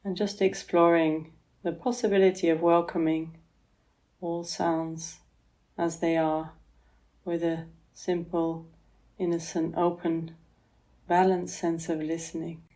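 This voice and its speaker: Guiding a relaxation meditation, a woman who works as a yoga therapist speaks softly and soothingly in a lowish, level voice, leaving long pauses. The audio quality is poor.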